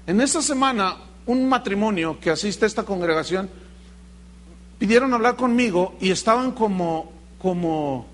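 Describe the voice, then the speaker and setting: A man delivers a sermon to his congregation, high in pitch. He preaches with animation and slips into voices as he acts out little dialogues between people. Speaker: pastor.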